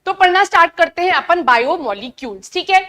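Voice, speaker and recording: A young woman giving a live online biology lesson, chatty and asking her students questions, reading textbook lines slowly before explaining them. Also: very high-pitched, expressive, a bit bright. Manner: reads English textbook lines slowly, then explains in Hindi. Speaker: biology teacher. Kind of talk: live online class lecture.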